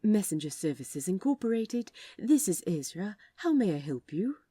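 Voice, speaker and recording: Woman voicing Aziraphale, a gently fussy mellow receptionist man. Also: mid-range voice, very animated, normal speed, slightly rough, no echo, studio quality. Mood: courteous, businesslike. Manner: genteel, old-fashioned, prim phone courtesy. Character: polite, fussy, warmly flirtatious male office receptionist.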